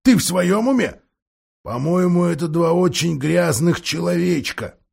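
A man's voice: high voice, expressive, a little slow, vocal fry, darkish tone, breathy edge, pitched above the performer's own voice, exaggerated voice. A man voicing a grumpy, half-deaf old male dwarf lord who grumbles and mishears words.

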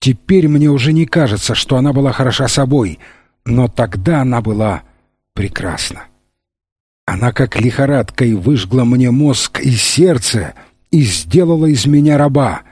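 A man voicing a rueful kneeling peon, husky. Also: medium pitch, darkish tone, dry recording.

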